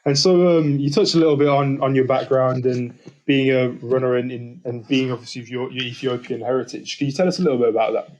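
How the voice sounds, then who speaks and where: A male podcast host asks long, rambling questions, restarting often as he goes. His voice stays flat and even, and faint background noise sits under it. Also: mid-range voice, fast talker, rough recording. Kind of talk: conversational interview.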